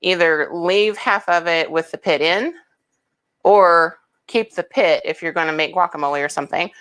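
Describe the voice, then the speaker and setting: A woman's voice: fairly low pitch, normal speed, a bit bright. Chatty woman hosting a cooking demo. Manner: chatty and homey, explaining steps with asides. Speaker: cooking show host. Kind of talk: casual cooking demonstration.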